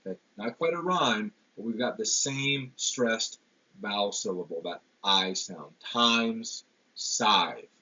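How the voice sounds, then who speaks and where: A man giving a classroom literature lecture, pausing often with ums and repeated words. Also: on the low side, pushed and bright, slightly rough. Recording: dull lo-fi lecture recording.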